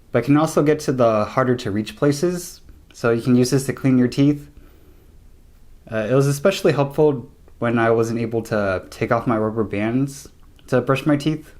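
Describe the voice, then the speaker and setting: A young man talking casually to camera in a low-key, conversational way, sharing tips as a vlogger. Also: darkish tone. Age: young adult. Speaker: vlogger giving recovery tips. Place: small room indoors, seated at a table.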